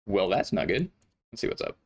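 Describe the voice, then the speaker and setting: This esports tournament caster has a low, gravelly voice with a breathy edge, big pitch swings, and a slightly fast pace. Easygoing and wry, he chats casually before the broadcast while fixing audio issues, speaking into a streaming desk mic.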